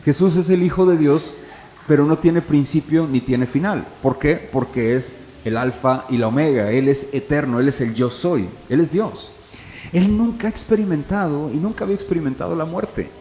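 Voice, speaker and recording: A man's voice: fairly high pitch, moderate pace, warm tone. Man preaching in an echoey church hall. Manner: conversational preaching with rhetorical questions to the congregation. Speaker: pastor. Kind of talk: sermon. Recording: echoey hall, faint ambience.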